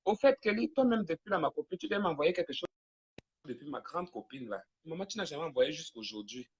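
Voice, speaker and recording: A man's voice: fairly high pitch, lively intonation, brisk, muffled recording. A man hosting a casual livestream from home into a phone, talkative and teasing, with his voice sometimes drifting away from the mic. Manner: talkative, teasing, switches to quiet aside on phone calls. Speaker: livestream host.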